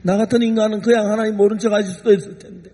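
A man's voice: high voice, flat delivery, racing, dark tone, husky. A man preaching a sermon as a pastor, emotional and acting out voices as he tells the story. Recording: long hall reverb.

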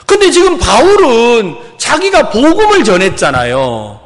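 A middle-aged male pastor preaching a sermon, telling a story with loud outbursts and hushed asides. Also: very high-pitched, huge pitch swings, moderate pace, big-room sound.

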